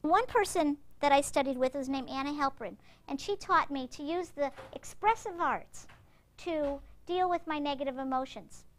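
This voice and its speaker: A woman's voice: sits high, normal speed, slight background noise. A woman speaking earnestly and reflectively in a personal testimony. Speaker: interviewee.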